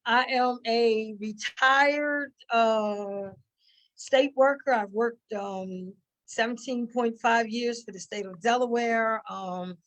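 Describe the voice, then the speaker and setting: As a guest in an interview, a mature woman with a fairly high voice chats and tells stories informally, starting haltingly and slipping in bits of quoted speech. The recording is rough.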